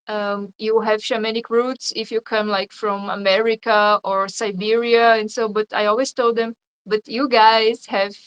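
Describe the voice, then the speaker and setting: Brazil-born woman, kinda high voice, guest on a call, thoughtful, lots of ums and likes. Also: clear, resonant tone, low-quality recording. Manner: reflective, hesitant with many ums and likes. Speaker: shamanic healer guest. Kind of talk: casual interview over a call.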